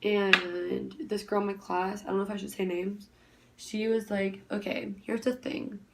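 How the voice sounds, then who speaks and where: A young woman vlogging in a relaxed, chatty way. She rattles through her story at high speed and fills it with "like" and restarts. Her voice sits at an ordinary middle pitch. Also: very noisy. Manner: talks very fast, rambling with many "like" fillers. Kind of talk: casual chat.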